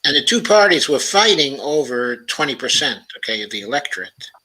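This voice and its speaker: Bright-toned man hosting a livestream. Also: mid-range voice, sing-song, breathy edge, low-quality recording. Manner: thinking aloud, unhurried, sprinkles "okay" and "uh" through sentences. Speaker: talk show host. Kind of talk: casual livestream commentary, reading viewer comments.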